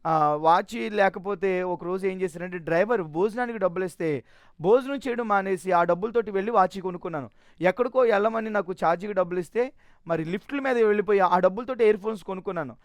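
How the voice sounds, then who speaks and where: A man's voice: high voice, quick pace, no echo, studio quality. A man giving a personal testimony in an earnest, emotional way, often restarting his sentences.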